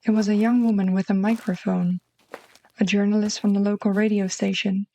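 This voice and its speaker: A woman with a Dutch accent narrating a literary short story in a soft, mellow voice. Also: medium pitch, little pitch movement, fairly quick.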